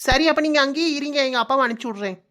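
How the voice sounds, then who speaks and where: A woman voicing a calm young bride in a cartoon, speaking softly. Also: high voice, very fast, voice pushed down. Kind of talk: cartoon voice acting.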